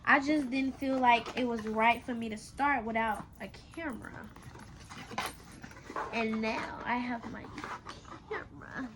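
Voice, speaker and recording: Excited young woman chatting to her viewers, slow easy pace, faint noise behind. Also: a little high. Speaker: beginner content creator. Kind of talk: casual unboxing vlog.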